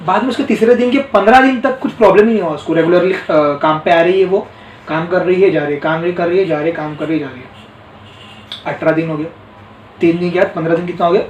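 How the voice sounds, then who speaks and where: Guy, high voice, rambling storytelling with lots of repeats, echoey room, mic kinda far. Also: quick pace. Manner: rambling and repetitive, with asides to listeners. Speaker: teacher telling a story to students. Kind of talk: casual spoken storytelling. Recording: roomy echo, distant mic, faint noise.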